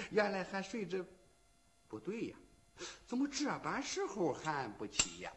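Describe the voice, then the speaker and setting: A man's voice: pushed and bright, slight background noise, exaggerated voice. Man doing a sly fawning snoop. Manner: low muttering asides, obsequious to others. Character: sly male government snoop, fawning and scheming. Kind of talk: traditional storytelling.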